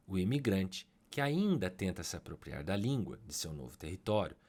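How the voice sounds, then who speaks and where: In a medium-pitched voice, a Brazilian Portuguese–accented man reads a scripted literary analysis. His delivery is measured and academic, with stresses that climb on the central points.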